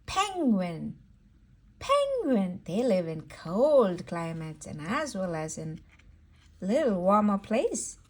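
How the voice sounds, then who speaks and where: With a fairly high, darkish voice that has a breathy edge, a woman who hosts and teaches children runs a toddler word lesson. She reads aloud in a sing-song, encouraging way, repeating each word for a small child.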